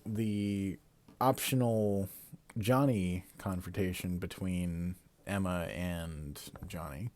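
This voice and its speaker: A man's voice: deep voice, darkish tone, no room sound. A young man live-streaming, giving casual, rambling commentary, swearing and correcting himself as he goes.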